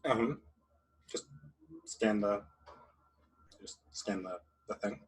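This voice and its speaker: A man's voice: on the low side, takes it slowly, breathy edge. A man running a tabletop game as game master, laid-back and a little hesitant.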